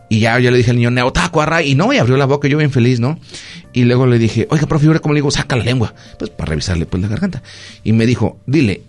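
Mexican man telling stories with faint music. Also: medium pitch. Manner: storytelling, animated, lots of fillers. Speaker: radio host and doctor. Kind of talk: casual radio chat.

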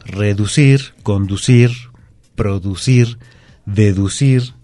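Methodical low-voiced teacher. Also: male voice, slow, warm tone, no echo. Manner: patient, methodical, repeats examples. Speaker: grammar teacher guest. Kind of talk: explanatory radio lesson. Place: radio studio booth.

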